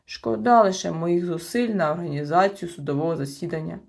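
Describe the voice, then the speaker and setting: A woman's voice: on the low side, brisk, gravelly, darkish tone. A woman doing a pompous little creature judge. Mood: officious. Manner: pompous, clipped and officious. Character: stern self-important male storybook creature acting as judge.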